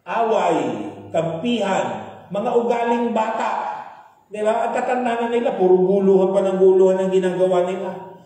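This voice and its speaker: High-voiced Filipino preacher in an echoey hall. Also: male voice, moderate pace, mellow. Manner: conversational, mixing in English, keeps asking "di ba?". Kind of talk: sermon. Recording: echoey hall, speaker far from mic.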